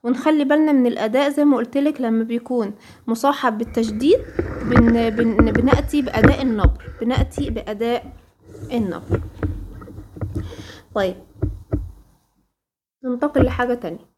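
A woman's voice: on the high side, brisk, pauses often, very noisy. A woman with an Egyptian accent teaching a tajweed lesson, quizzing her listeners with prompt questions and repeating key terms. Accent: Egyptian Arabic. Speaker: Quran recitation teacher.

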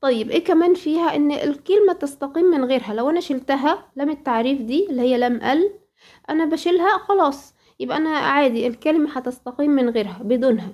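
A woman's voice: high voice, animated, racing, a little mellow. A woman with an Egyptian accent, teaching a recorded tajweed lesson and patiently repeating points to a female student. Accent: Egyptian Arabic. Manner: patient and repetitive, addressing a female student directly. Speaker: Quran recitation teacher.

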